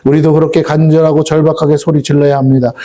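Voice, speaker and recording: Man, middle-aged, pastor, fervent sermon, rises to shouts, mellow tone. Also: fairly high pitch, little pitch movement, quick pace. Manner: fervent, rising to shouts, asks the congregation questions.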